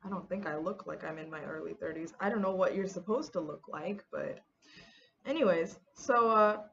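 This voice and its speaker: A woman's voice: on the low side, normal speed, creaky, fairly bright tone, highs cut off. A woman in her early thirties chatting casually in a get-ready-with-me vlog, telling stories with lots of "like" and retold dialogue. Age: 30s. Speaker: beauty vlogger.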